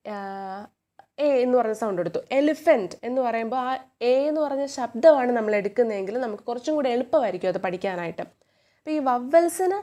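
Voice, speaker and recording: A woman with a Malayali accent teaching an English grammar lesson, patiently asking the listener questions and repeating examples slowly. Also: on the high side, warm tone.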